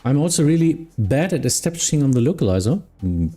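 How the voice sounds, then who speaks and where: A man streaming as an air traffic controller, mixing procedural clearances with casual chat. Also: on the high side, very animated, quick pace, warm tone, faint music behind.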